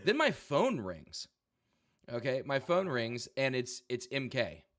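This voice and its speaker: A man co-hosting a podcast, telling a story with lively acted-out quotes. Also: medium pitch, slow. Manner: animated, acts out quotes loudly. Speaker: podcast co-host. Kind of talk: casual storytelling.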